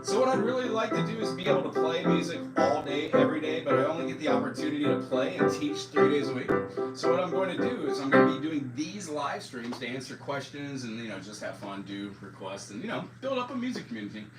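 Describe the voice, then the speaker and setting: A music teacher in his forties banters on a live stream, loose in his delivery, mocking himself and leaning on fillers. His voice is a little high, animated, and fast. Picked up by a distant mic, the sound is echoey with music playing below.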